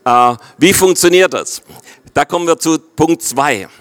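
A Swabian-accented man in his forties preaches with a lively manner and often checks in with his listeners. His voice sits a little high for a man and sounds close and dry, with little room around it. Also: a little slow, no room sound. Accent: Swabian German. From Swabia, Germany. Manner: lively, keeps checking in with the congregation. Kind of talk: sermon.

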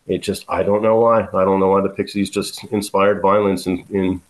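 A man's voice: sits low, flat delivery, moderate pace. A man, a guest musician telling stories in a casual interview, rambling with many fillers and restarts. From South Florida.

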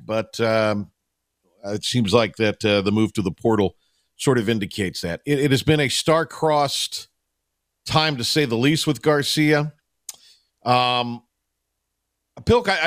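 A man hosts a sports talk show in a very dry studio sound. His voice sits at an average pitch. He talks in a halting, meandering way, pausing often as he works toward his point. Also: fairly bright tone, no room sound. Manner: halting, meandering delivery with many long hesitations. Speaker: sports radio host. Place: radio studio.

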